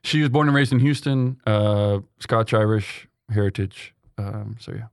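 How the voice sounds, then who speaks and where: A young seminarian from Texas answers interview questions earnestly in a conversational setting, with plenty of ums and restarts. His voice is on the low side and a little slow, captured in clean studio sound without room noise.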